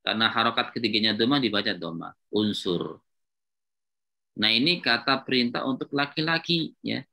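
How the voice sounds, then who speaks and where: Bright-toned male Arabic grammar teacher. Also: mid-range voice, moderate pace, gravelly. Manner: patient, repetitive, checks with students often. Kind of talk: classroom lecture at a whiteboard.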